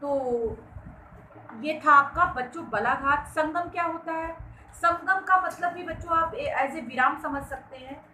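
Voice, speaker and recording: A woman's voice: high voice, unhurried, pushed and bright. A woman teaching a Hindi grammar lesson to schoolchildren, patient and repeating key phrases as she explains. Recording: echoey room with faint background hiss.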